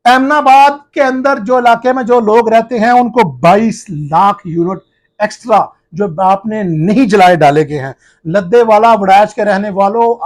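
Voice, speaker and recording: A male journalist from Pakistan, addressing viewers in a forceful, accusing, challenging tone. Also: high-pitched.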